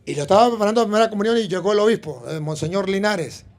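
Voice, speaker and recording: A male priest giving a sermon, telling a story and acting out the people in it with animated delivery. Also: high voice, very fast. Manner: animated, acts out the people in his stories.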